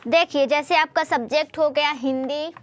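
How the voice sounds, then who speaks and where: A woman's voice: high-pitched, normal speed, a bit bright. A woman teacher giving a chatty motivational study lesson, often repeating herself and asking rhetorical questions.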